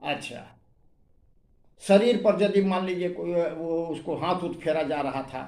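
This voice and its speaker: A man's voice: fairly high pitch, measured pace, darkish tone, reverberant. A man, a homeopathy doctor, teaching a medical lesson and reading out repertory rubrics word by word with stress.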